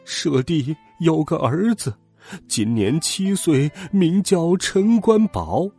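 A man's voice: on the high side, big pitch swings, warm tone, slightly rough, faint music behind, voice pushed up, full character voice. A man doing a worried old villager. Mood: sorrowful. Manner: slow, drawn-out and plaintive. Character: worried elderly village man, frightened and grieving.

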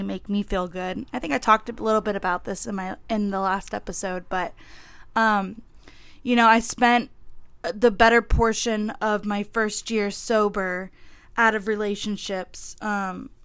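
A woman's voice: mid-range voice, a bit bright, clean tone, dry recording. A young woman with a nasal voice, congested and sniffly from a cold, hosting a casual, candid, rambling solo podcast. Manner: candid, rambling, informal with swearing. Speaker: podcast host.

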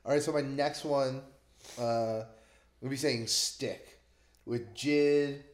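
Guy hosting a music podcast, chatty and excited, lots of likes, room echo. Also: medium pitch, slow. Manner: enthusiastic, lots of fillers. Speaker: podcast host. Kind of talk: casual chat.

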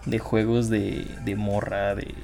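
A man's voice: on the low side, flat delivery, takes it slowly, creaky, dark tone, faint music behind. A young man with a Mexican accent, co-hosting a podcast in casual chat, slangy and swearing freely. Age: young adult. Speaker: podcast co-host.

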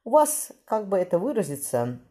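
A woman reading the part of a cautious elderly rabbi in his eighties who speaks in a measured, testing way. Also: mid-range voice, very animated, dark tone, pitched above the performer's own voice, natural voice. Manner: measured, searching for words.

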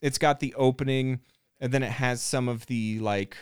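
Relaxed, rambling man hosting a podcast. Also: medium pitch, normal speed, clean tone, no room sound. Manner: relaxed, rambling, with frequent fillers and restarts. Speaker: podcast host. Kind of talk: casual chat. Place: podcast studio.

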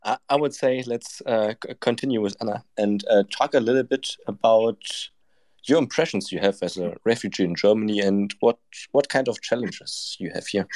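A man's voice: fairly low pitch, normal speed, darkish tone, no echo. A man co-hosting and interviewing off the cuff, a little hesitant and repeating words. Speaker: co-host, interviewer. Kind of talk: unscripted interviewing.

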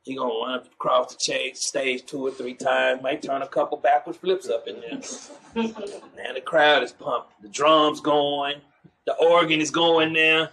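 A man's voice: mid-range voice, steady tone, a little slow, gravelly, bright, forceful tone, slight background noise, poor audio. A man preaching in the street, mocking churchgoers and calling for the next verse to be read. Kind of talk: street preaching with scripture reading.

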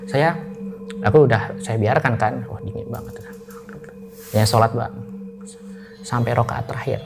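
A man as a guest in a casual interview, telling a ghost story in loose, chatty speech with restarts, often addressing the listener directly. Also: mid-range voice.

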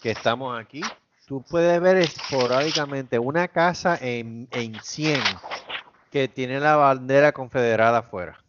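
A man's voice: mid-range voice, measured pace, lo-fi sound, background noise. A man in casual chat, blunt and swearing freely.

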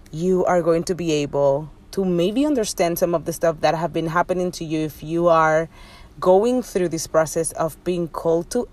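A woman with a Dominican accent and a slightly low voice hosts a motivational coaching podcast. She talks candidly and directly to her listeners in a conversational way. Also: a little mellow. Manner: conversational, direct address, with frequent y'all. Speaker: podcast host and business coach.

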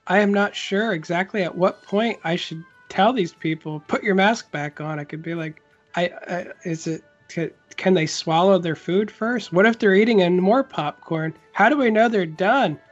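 A man with a notably high voice chats on a podcast, rambling through a story and restarting his sentences as he goes. The audio is slightly muffled, with faint music underneath. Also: moderate pace. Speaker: podcast co-host. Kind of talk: casual chat.

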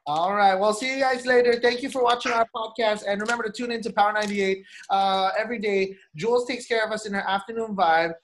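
A woman's voice: medium pitch, steady tone, quick pace, hardly any pauses, a little hiss or hum. Chatty woman hosting a podcast. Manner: chatty, laughs often. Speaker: podcast host. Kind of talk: casual group chat. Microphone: video call.

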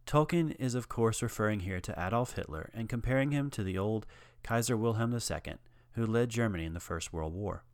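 Low-voiced man narrating a biography, dry. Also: darkish tone, dry recording. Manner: measured, earnest storytelling with read-out quotations. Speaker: documentary narrator. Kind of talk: scripted narration.

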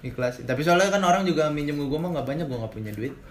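A man's voice: on the high side, expressive, fast talker, reverberant, a little hiss or hum. A young man co-hosting a podcast, chatting casually in teasing, laid-back slang. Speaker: podcast co-host. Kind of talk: casual banter.

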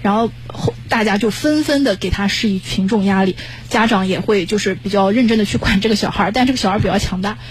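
A woman in a casual group chat telling a long story in a measured way. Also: medium pitch.

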